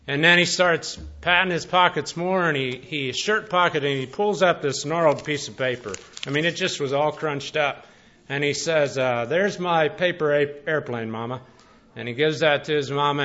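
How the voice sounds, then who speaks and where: Folksy preacher man, bright voice. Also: fairly high pitch, highs cut off. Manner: folksy, conversational, with many fillers and pauses. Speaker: pastor. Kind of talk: storytelling sermon.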